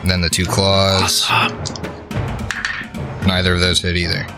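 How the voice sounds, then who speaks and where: Low-voiced man running a tabletop game. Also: completely flat delivery, slow. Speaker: game master. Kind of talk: casual tabletop game narration. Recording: music playing behind the voice.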